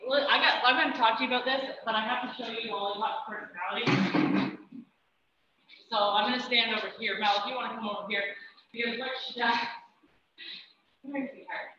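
A high-voiced woman hosts a live animal trick show with excitable, chatty commentary, often slipping into coaxing endearments for her animals. She is heard from a distance through heavy echo, with clear background noise. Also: a little fast. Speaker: dog trainer and show host. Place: out in the country. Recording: roomy echo, distant dull mic, noisy ambience.

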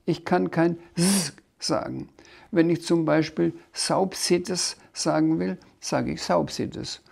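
A man voicing a small blue dragon who cannot pronounce R and talks slowly and puzzledly. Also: fairly high pitch, creaky, a little mellow, husky, voice pushed up, exaggerated voice. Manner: slow, puzzled, swaps R for S.

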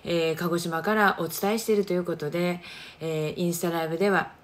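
A woman's voice: fairly low pitch, steady tone, quick pace. A middle-aged woman with a Kagoshima accent, chatting casually on a phone livestream and greeting viewers by name. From Japan, Kagoshima. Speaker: livestream host reading viewer comments.

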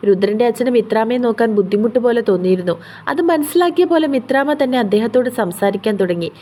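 Warm Malayali woman narrating a story. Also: a little high, fast. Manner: steady storytelling. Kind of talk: scripted audio story narration.

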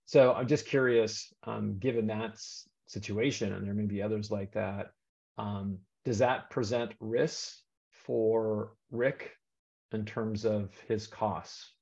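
A man's voice: on the low side, steady tone, slow pace, gravelly, darkish tone. A man speaking on a video call, rambling with many fillers and restarts. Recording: dull lo-fi call audio.

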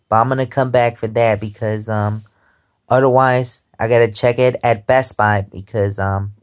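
A man's voice: mid-range voice, clear, resonant tone. A man of twenty-five chatting casually in a rambling way, often repeating "because, um", while lying in bed at home and filming on a phone held close. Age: 20s. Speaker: vlogger. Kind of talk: casual chat. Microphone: phone held close above face.

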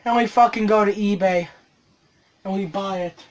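A woman vlogging in a profane, sarcastic rant that swings between loud outbursts and low mutters. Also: steady tone, normal speed, slight background noise. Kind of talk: ranting casual vlog.

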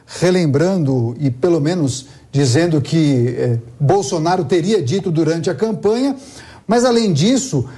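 A young man anchoring a live news show from a TV studio, summarizing quickly before handing off a question. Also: a little high, mellow.

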